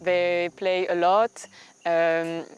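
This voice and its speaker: A woman gives unscripted explanations as a conservation worker in an interview. Her voice is a little low for a woman, with faint music and insect sounds behind her. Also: level tone, extremely slow, clear, resonant tone, muffled recording.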